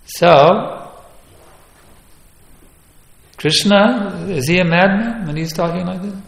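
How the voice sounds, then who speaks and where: A man's voice: high voice, slow, vocal fry. A man preaching a sermon, emphatic, asking rhetorical questions and repeating his points. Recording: echoey hall.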